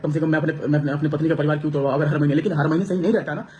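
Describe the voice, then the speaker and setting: A man's voice: fairly high pitch, fairly even intonation, very fast, a little mellow, highs cut off. A man vlogging to his viewers, pouring out an aggrieved personal account with many restarts. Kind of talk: emotional personal account to camera.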